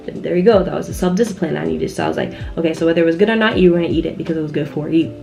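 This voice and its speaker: A young YouTube vlogger of Ghanaian background chats casually to her viewers and tells personal stories in an informal, rambling, slangy way, full of filler "like". Her voice sits low with vocal fry and a dark tone, and she talks very fast over soft background music.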